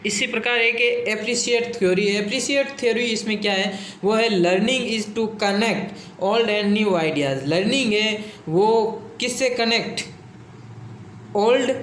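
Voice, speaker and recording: Brief: male tutor, high pitch, repetitive explaining style, echoey room with faint background hum. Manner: explains by repeating and glossing English terms in Hindi. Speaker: English teaching exam tutor. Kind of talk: exam-prep lecture.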